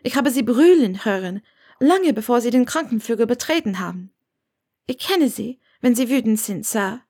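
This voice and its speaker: High-voiced defiant young witch read by a woman. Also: lively intonation, moderate pace, husky. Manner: high, bright, defiant and teasing.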